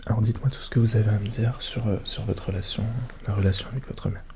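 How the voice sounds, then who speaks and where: A man doing a soft-spoken, ASMR role-play as a psychologist, questioning gently and attentively in a hushed voice that drifts into speaks softly. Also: on the low side, steady tone, fast talker, slight background noise. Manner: gentle, attentive questioning with short murmured acknowledgements.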